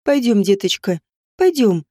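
A woman reading an audiobook voices an old peasant nanny who laments in a drawn-out, wailing way. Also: mid-range voice, big pitch swings, mellow, dry recording, studio quality. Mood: coaxing.

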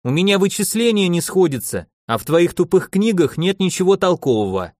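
A man's voice: high voice, big pitch swings, fairly quick, a little mellow, no room sound, clean studio sound, voice pushed up. A man voicing a brash, cheeky young man who talks with insolent mockery in an audiobook. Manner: insolent, teasing.

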